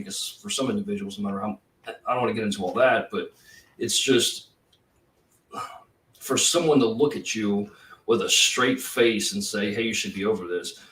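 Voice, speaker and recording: A retired police officer talking in a casual podcast conversation, intense and profane, rambling with many fillers. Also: male voice, lowish voice, normal speed, fairly bright tone. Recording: roomy, distant from the mic.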